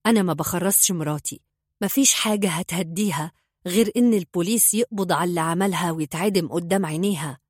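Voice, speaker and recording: Woman voicing a grim terse man, flat delivery, audiobook. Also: on the low side, quick pace, no room sound, clean studio sound, close to an everyday voice. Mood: cold. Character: grim, reserved grieving husband.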